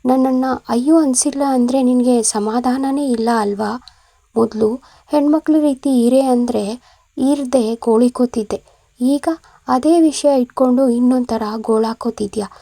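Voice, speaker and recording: A woman's voice: on the high side, fairly even intonation, measured pace, mellow, no room sound. A woman voicing a doting middle-aged mother who is tearful and scolding. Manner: emotional, scolding.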